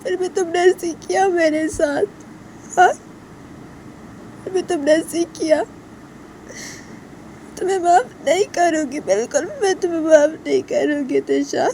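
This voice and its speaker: A woman's voice: extremely high pitch, unhurried, pauses often, mellow, slight background noise, pitched above the performer's own voice. A woman voicing a hurt young woman who cries and scolds with repeated questions. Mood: hurt angry. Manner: sobbing, repetitive scolding questions. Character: hurt, tearful young woman, angry and unforgiving.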